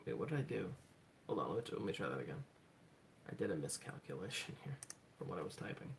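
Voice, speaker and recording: Casual livestream guy at home: low, gravelly voice that swings up and down, excitable, thinks out loud. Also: fast, a little hiss or hum. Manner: excitable, thinks aloud, repeats "hold on" and "oh my gosh". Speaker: livestreaming speedcuber. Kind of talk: casual livestream self-talk.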